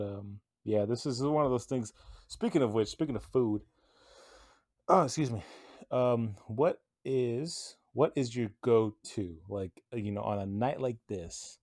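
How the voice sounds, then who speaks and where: A man's voice: lowish voice, normal speed, darkish tone, no room sound, clean studio sound. A tipsy man co-hosting a podcast, bantering casually with his friends. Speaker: podcast co-host.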